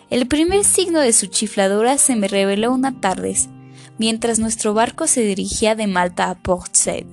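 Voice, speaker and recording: A woman giving a measured, scripted audiobook narration. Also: mid-range voice, darkish tone.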